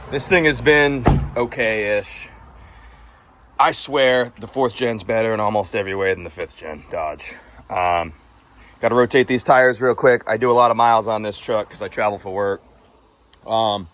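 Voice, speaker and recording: A man's voice: on the low side, fairly bright tone. Breathless young man in an echoey garage. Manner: rambling, chatty, many fillers. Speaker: garage channel host. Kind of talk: casual workshop vlog. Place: home garage.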